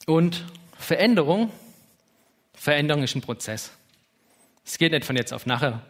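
In an animated voice on the high side, a man in his thirties speaks at normal speed. He preaches an informal, heartfelt sermon packed with "hey" and "ja."

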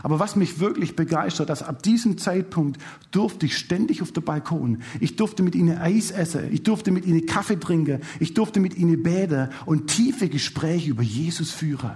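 A male pastor telling a personal story in a sermon, speaking to the audience with lively storytelling. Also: on the high side, normal speed. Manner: animated storytelling, addresses the audience directly.

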